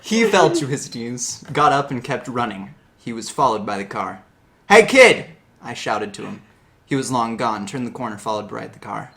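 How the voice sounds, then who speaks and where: A man's voice: mid-range voice, moderate pace, gravelly, a bit bright. A man giving a hammy, theatrical dramatic reading of a story, like a stage actor. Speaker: reader of a story.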